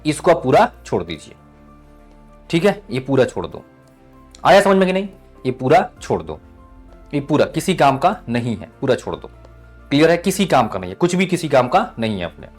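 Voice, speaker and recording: A man's voice: medium pitch, sing-song, moderate pace, pauses often, darkish tone, faint music behind. Man teaching chemistry, fatherly tone. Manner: addresses students as "beta", checks with "thik hai?". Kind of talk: online exam-prep lesson.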